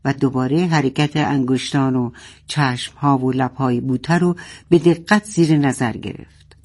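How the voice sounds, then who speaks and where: A woman's voice: rumbling low, darkish tone. A woman reading a children's story aloud expressively and speaking fondly to her young listeners.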